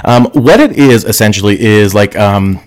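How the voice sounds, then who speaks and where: A man's voice: fairly low pitch, lively intonation, normal speed, darkish tone. A man hosting a casual livestream show, chatting playfully and giggling often, talking through a headset microphone. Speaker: host. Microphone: slim headphones with microphone.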